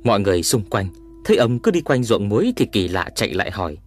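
A man narrating a horror story in a dramatic, expressive reading. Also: fairly low pitch, fast talker, soft background music.

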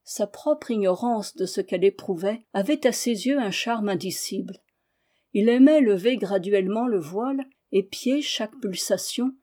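A woman narrating a classic novel in a measured, expressive reading. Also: medium pitch.

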